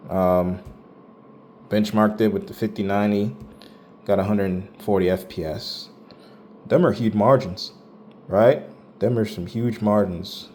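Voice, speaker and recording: A man talks through his benchmark numbers in a loose, rambling way, dropping slang and the odd curse. His voice sits fairly low, and he takes his time. A faint hiss runs under the recording. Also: warm tone. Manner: laid-back, rambling, with slang and swearing. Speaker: tech channel host. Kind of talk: casual benchmark walkthrough.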